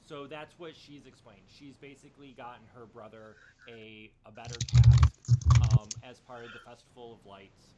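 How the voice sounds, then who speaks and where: A male game master narrates a tabletop role-playing game over an online call, halting often on filler sounds as he explains the story. His voice sits in a middle pitch, and loud keyboard typing rattles steadily behind him through his computer mic. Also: muffled recording, very noisy. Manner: hesitant, many ums.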